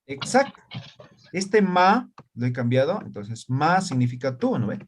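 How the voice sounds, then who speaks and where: A man's voice: mid-range voice, very animated, measured pace. A man teaching an online class in Spanish and Aymara, often checking whether his students follow. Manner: asks frequent check questions.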